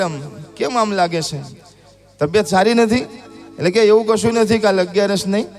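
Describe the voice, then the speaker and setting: A male preacher telling a devotional story in a sermon, acting out the characters with drawn-out calls. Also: sits high. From Gujarat. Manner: acts out characters' voices in a drawn-out calling tone.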